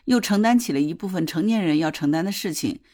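Lively-voiced woman hosting a parenting podcast. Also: fairly low pitch, quick pace. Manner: conversational, often puts questions to listeners; tells a story from a TV drama in detail. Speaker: podcast host. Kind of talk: parenting advice podcast talk.

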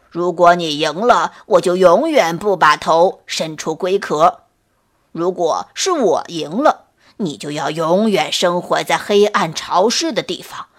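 A woman voicing a wise, patient old male turtle in a children's bedtime story, speaking calmly and gently scolding. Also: lowish voice, unhurried, voice pushed down, natural voice. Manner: calm, patient, reproving.

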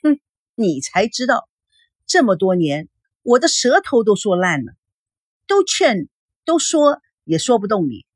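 女声演的神气活现的富家少爷. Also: female voice, medium pitch, sing-song, unhurried, long pauses, husky, dry recording, clean studio sound. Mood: boastful. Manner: swaggering, boastful. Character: cocky rich young man, insurance salesman.

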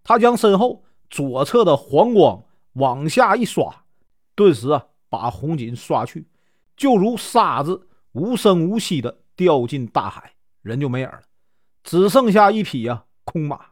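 A man telling a classic legend in a casual, chatty storytelling way, with lots of drawn-out filler particles. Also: fairly high pitch, sing-song, no room sound, clean studio sound.

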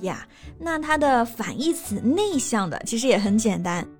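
A woman co-hosting a bilingual English lesson podcast, explaining vocabulary and slowly spelling out words letter by letter. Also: a little high, big pitch swings, soft background music. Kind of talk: bilingual English teaching chat.

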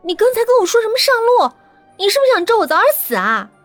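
A woman voicing an excitable, pouty young wife in a ghost story. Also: high voice, moderate pace, faint music behind, pitched above the performer's own voice. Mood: angry. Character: young wife, playful, then quick-tempered and suspicious.

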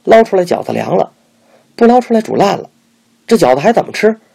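A man's voice: very animated, brisk, vocal fry, dark tone, slightly rough, full character voice. A man voicing a stingy, cruel middle-aged old-Beijing woman who bosses and scolds a young apprentice. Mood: defiant. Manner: shrill, scolding, bossy.

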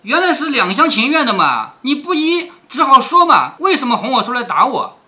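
A man's voice: extremely high pitch, very animated, moderate pace, sharp tone, voice pushed up, full character voice. A man voicing a bullying young nobleman who has been beaten and now begs for mercy in a whining, pleading voice.

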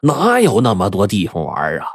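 Man doing a soft-hearted thug, husky, quick, stammering. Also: on the low side, huge pitch swings, no room sound, clean studio sound, exaggerated voice. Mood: sheepish. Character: rough but soft-hearted henchman.

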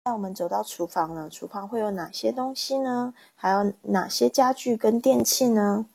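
Woman, English teacher on a livestream, mellow dark tone, raspy, says words slowly and explains their pronunciation. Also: mid-range voice, rough recording. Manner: reads word lists, repeating English terms slowly and explaining pronunciation. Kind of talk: livestreamed vocabulary lesson.

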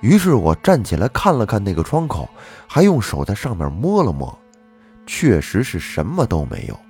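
A man's voice: fairly low pitch, moderate pace, breathy edge, faint music behind. A man hosting a folk-tale show, narrating a story dramatically and expressively. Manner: lively, expressive, acting out quoted voices. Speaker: storyteller host.

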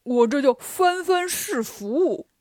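A woman's voice: high-pitched, animated, slow pace, a little mellow, no room sound, clean studio sound. A woman voicing a greedy, cheeky male pig monk in a storybook, drawling his teasing jokes.

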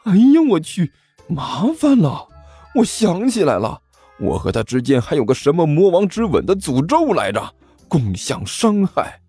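A man's voice: fairly high pitch, huge pitch swings, normal speed, warm tone, breathy edge, dry recording, soft background music, voice pushed up, full character voice. A man voicing a cheeky chubby schoolboy. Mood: worried. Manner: wheedling, teasing, sing-song taunts. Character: chubby cheeky male schoolboy, sly and mocking.

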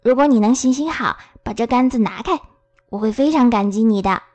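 A woman doing a friendly straw scarecrow from a children's storybook, speaking in a very hoarse voice that sits a little quieter than the telling around it. The tone stays gentle and kindly, with a slightly slow, simple way of talking. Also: a little high, lo-fi sound, natural voice. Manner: soft and friendly. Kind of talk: storybook reading.

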